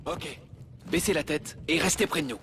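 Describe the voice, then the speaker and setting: A man playing a commanding special forces team leader in a military shooter game, giving brisk, clipped orders. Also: on the high side, over music, natural voice. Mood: brisk, focused. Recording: vehicle and battle noise.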